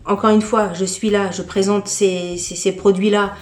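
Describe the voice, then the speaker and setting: A woman's voice: mid-range voice, normal speed, reverberant. A woman vlogger chatting through an unboxing, candid and gushing, often stumbling over repeated words. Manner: gushing excitement. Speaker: lifestyle vlogger. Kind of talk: casual unboxing chat.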